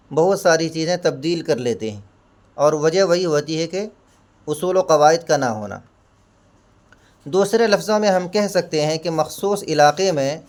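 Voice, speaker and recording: A man teaching an exam-prep lesson. He asks himself questions, answers them, and repeats key points with Hindi and English equivalents. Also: on the high side. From India. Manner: explains each term with Hindi and English equivalents.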